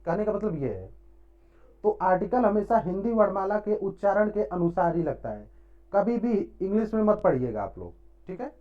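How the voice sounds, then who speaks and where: Very animated, a man with a high voice runs through an English grammar lesson at normal speed, answering his own questions and checking in briefly and often. The recording is dull and lo-fi, in a classroom-style setting.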